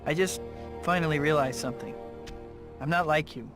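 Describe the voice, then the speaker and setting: A man's voice: a little high, normal speed, lightly acted. A man playing an earnest, self-questioning young superhero in a video game cutscene. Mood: serious. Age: young adult. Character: earnest young male superhero torn between two lives. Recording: game music behind the voice.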